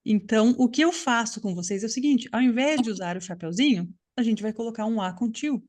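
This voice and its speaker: Woman teacher, slightly high voice, patient explainer on a video call. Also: fairly quick, a little mellow. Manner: patient, explanatory, checks understanding often. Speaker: English teacher. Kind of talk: live online class.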